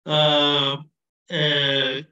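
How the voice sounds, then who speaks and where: A man's voice: on the high side, monotone, drawn-out words, bright, forceful tone. Man on a video call with big hall echo. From US Midwest. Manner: informal, loose and self-deprecating. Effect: heavy hall echo on his voice. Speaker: candidate for party office. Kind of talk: campaign speech at an online event. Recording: echoey room, far from the mic, dull.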